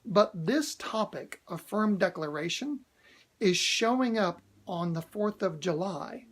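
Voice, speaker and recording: A man's voice: high-pitched, lively intonation, a little slow, husky. A man hosting a motivational video, talking earnestly to camera, repeating key phrases for emphasis and restarting often with fillers. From United States. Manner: hesitant restarts with frequent uhs.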